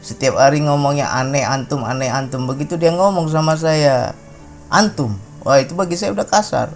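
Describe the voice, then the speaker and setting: A man's voice: fairly high pitch, a little fast, darkish tone, soft background music. A middle-aged man from Sumatra, giving an informal spiritual talk in a conversational way, often tagging his sentences with a questioning "ya". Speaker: religious talk speaker.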